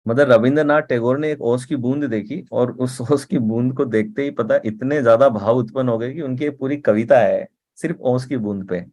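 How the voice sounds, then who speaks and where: A man's voice: medium pitch, normal speed, few pauses, a little mellow. A man giving a motivational talk in a conversational way, often checking in with the listener and repeating words for emphasis. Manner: conversational, often asks "ठीक है?" and "right?".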